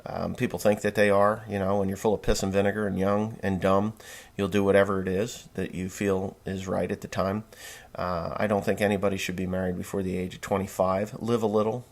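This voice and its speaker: A brisk, low, level-toned voice belongs to a podcast host from New Jersey, USA, who is in his forties. His talk is a rambling monologue, blunt and folksy, full of fillers and restarts.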